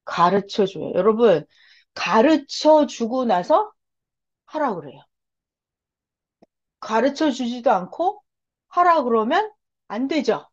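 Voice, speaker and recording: A woman Bible teacher giving an animated Bible study lesson, often putting questions to her listeners. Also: fairly high pitch, slow pace, pauses often, dull audio. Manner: animated, asks the audience frequent rhetorical questions.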